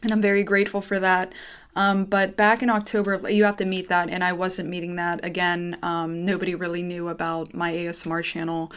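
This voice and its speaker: A young American woman, a YouTube creator, talks informally to her viewers in a fairly low, clear, resonant voice with little pitch movement and a fairly quick pace. Nervous and dry-mouthed, she rambles in a casual personal monologue, swears, and often breaks off to drift off topic.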